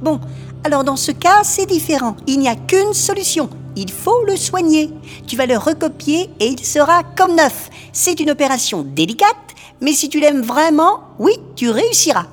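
A woman voicing a calm, kindly schoolteacher in a storybook, speaking gently and reassuringly. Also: sits high, moderate pace, big-room sound, soft background music.

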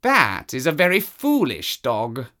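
A man's voice: mid-range voice, wildly swooping pitch, unhurried, bright, forceful tone, exaggerated voice. A man voicing a proud, aloof male cat with a haughty, raised voice. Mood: scornful.

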